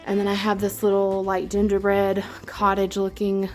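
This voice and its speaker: A woman's voice: medium pitch, monotone, normal speed, faint music behind. A young woman, chatting casually while walking through her home with a handheld camera and laughing often. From Louisiana. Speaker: vlogger.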